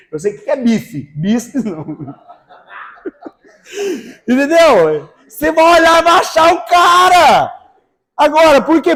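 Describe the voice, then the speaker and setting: High-voiced preacher, loud and soft by turns. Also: male voice. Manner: swings between hushed asides and shouted exclamations. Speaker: pastor. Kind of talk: lively evangelical sermon. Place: church.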